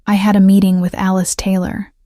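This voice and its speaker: A suave Italian crime boss speaks with a low, textured voice and a slow, menacing calm, as a woman narrator puts him on. His Italian accent stays even and controlled, with a mellow, dry sound in an audiobook reading. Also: no room sound, natural voice. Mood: silky, menacing. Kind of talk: audiobook character voice.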